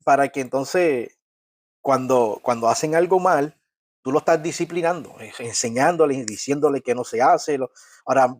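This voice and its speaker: A middle-aged man with a mid-range voice speaks at a moderate pace in a dry recording. He gives an earnest, conversational church talk about family life, often repeating or restarting words and checking in by asking "¿ves?".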